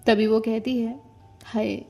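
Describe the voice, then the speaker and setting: Mellow woman narrating a love story. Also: fairly high pitch, a little slow. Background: faint music.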